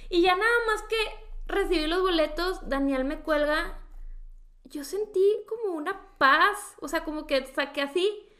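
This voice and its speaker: A young woman with a high voice co-hosts a casual chat. She tells stories with animated energy and acts out every line of dialogue. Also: a little slow. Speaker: podcast co-host.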